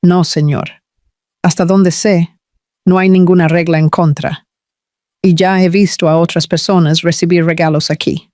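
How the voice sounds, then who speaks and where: A man voicing a composed young woman, a secretary who answers her boss calmly and coolly. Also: lowish voice, a little slow, no echo, clean studio sound, close to an everyday voice. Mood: calm defiant. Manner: calm, cool replies. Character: composed young female secretary, cool and firm.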